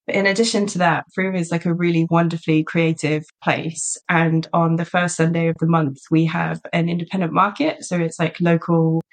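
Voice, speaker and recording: With a lowish, flat voice at normal pace and few pauses, a woman co-hosts a podcast in an eager, casual way, full of "like." She lives in a small south-west English market town.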